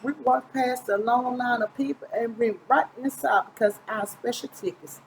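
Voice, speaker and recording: A fairly high-pitched middle-aged woman reads a children's picture book aloud at a moderate pace in a casual storybook style, sometimes stumbling and correcting herself. She sits close to the camera in a small room, and the low-quality recording has a slight hiss or hum.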